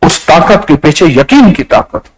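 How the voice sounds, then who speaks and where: Male preacher telling anecdotes from the pulpit, pitched a little high, voice swinging widely as he acts out each story. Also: rough recording. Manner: animated storyteller who acts out the people in his anecdotes. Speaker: religious speaker. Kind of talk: storytelling sermon.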